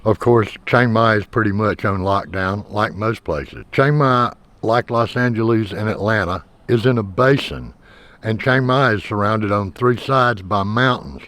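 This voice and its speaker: A man with a fairly low voice narrates as a vlog host. He explains things plainly, now and then pausing or repeating a word as he searches for the next. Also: a bit bright.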